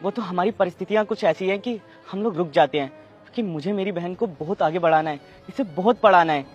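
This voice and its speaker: A man's voice: high-pitched, a little fast, highs cut off, soft background music, close to an everyday voice. A man playing a poor young vendor and protective older brother who speaks earnestly and respectfully. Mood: firm. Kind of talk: amateur web drama acting.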